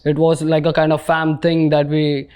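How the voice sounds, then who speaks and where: A man's voice: a little high, monotone, normal speed, darkish tone, clear, resonant tone. A man hosting a casual podcast interview in an informal, slangy way. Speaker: podcast host.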